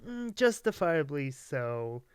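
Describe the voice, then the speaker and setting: A man's voice: fairly high pitch, big pitch swings, slow pace, clear, resonant tone, dry recording. A young man co-hosting a casual podcast chat at home, easygoing and teasing, laughing often. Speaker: podcast co-host. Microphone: good podcast mic.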